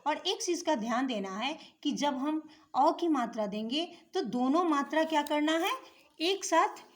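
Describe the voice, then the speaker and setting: A woman teaching young children in a patient classroom manner, asking simple questions and repeating each step. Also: high-pitched. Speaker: primary school teacher. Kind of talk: slow classroom explanation of letters.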